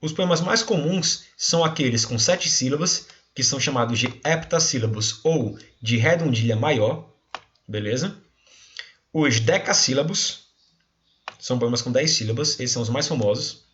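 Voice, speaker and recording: A man's voice: medium pitch, moderate pace, a bit bright, lo-fi sound. A male teacher with a Brazilian Portuguese accent, explaining a recorded class and often checking in with his students. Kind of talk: recorded remote class lesson.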